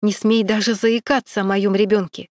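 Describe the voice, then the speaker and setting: A woman voicing a frightened young woman who hides her fear behind sharp, defiant retorts. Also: medium pitch, flat delivery, moderate pace, dry recording, studio quality, lightly acted. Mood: angry.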